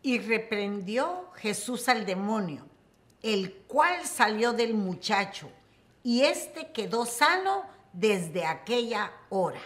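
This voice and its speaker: A woman pastor reading scripture aloud with deliberate care. Her voice sits somewhat high, and she takes the verses slowly, giving the spoken lines dramatic weight. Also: very animated, a bit bright.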